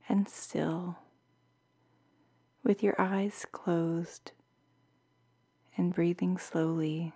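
A woman with a lowish, very mellow voice narrates a bedtime sleep meditation. She speaks very slowly and softly, often slipping into a breathy near-whisper, in the soothing manner of a sleep story narrator. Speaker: meditation guide.

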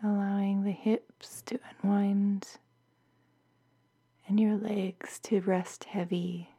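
A woman guiding a bedtime meditation in a soft, soothing, half-whispered voice, like a sleep story narrator. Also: mid-range voice, level tone, takes it slowly, breathy edge. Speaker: meditation guide.

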